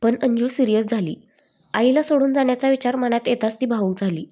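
A woman storyteller narrating a romantic story in a steady, expressive reading. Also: a little high, a little fast.

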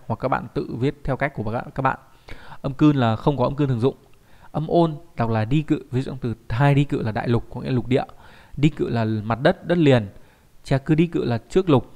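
A man's voice: mid-range voice, darkish tone. A man teaching an online kanji lesson, who keeps asking the class rhetorical check questions.

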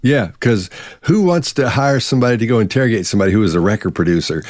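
Fifties guy on a webcam call, lower voice, dry sound, chatty and animated. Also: quick pace, no echo. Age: 50s. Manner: animated storyteller, acts out quotes. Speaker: co-host. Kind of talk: casual live Q&A chat. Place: home office with bookshelves. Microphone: video call webcam.

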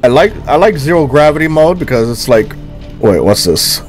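An excitable man talking through a horror game for his viewers, with a voice of middling pitch. He exclaims often and talks straight to the audience. Faint game music runs behind him. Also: normal speed. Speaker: gaming streamer. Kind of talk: casual let's-play commentary.

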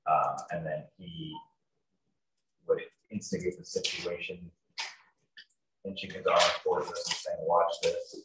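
Heard over a distant, echoey and faintly noisy video call from a courtroom, a young male police officer testifies formally. His low voice is flat and measured, broken by long pauses, and his answers are terse, matter-of-fact and procedural.

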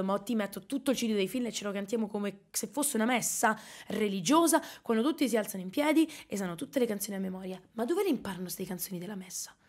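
A Milanese woman chatting casually on a live stream, animated and slightly hoarse, with quick asides to her chat. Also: mid-range voice. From Italy. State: slightly hoarse after concerts.

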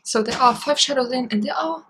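A woman's voice: high-pitched, a little fast, fairly bright tone, a little hiss or hum, low-quality recording. A young woman vlogging a casual makeup product review from her bedroom, chatty and full of fillers. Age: young adult. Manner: chatty, many fillers like "you know" and "um". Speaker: beauty vlogger. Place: small bedroom, indoors.

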